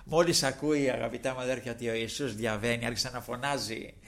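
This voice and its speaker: A man preaching a sermon who swings between loud, impassioned exclamations and quiet, low asides, often breaking off to thank the Lord and to call out to his brothers. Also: fairly even intonation, vocal fry. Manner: keeps repeating thanks to the Lord and addressing the brothers.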